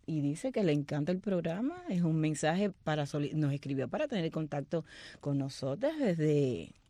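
A woman's voice: sits low, sing-song, moderate pace, mellow, no room sound. A woman co-hosting a radio show, reading listener letters aloud with chatty asides. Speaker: radio co-host. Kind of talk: reading listener mail on air.

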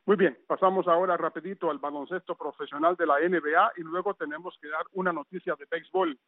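A man's voice: fairly high pitch, fast, no echo. A man reading a radio sports news roundup in a conversational way, with chatty asides. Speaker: sports reporter. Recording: tinny phone-line sound.

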